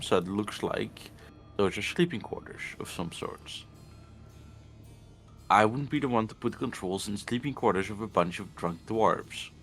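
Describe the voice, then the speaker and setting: A man with a lowish voice chats casually as a tabletop player. He teases the others at the table in a joking tone. Faint music sits under his voice. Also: a bit bright. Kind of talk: casual game chat.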